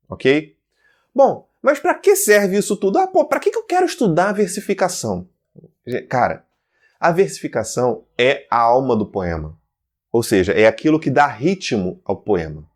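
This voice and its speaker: A man with a Brazilian Portuguese accent teaching verse forms to students, working through terms one by one and checking in with "certo?" and "ok?". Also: medium pitch. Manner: lists terms one by one in a steady rhythm.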